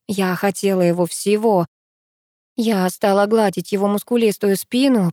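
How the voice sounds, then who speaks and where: A woman narrating a first-person romance audiobook in a soft, intimate storytelling manner. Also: medium pitch, no echo, studio quality.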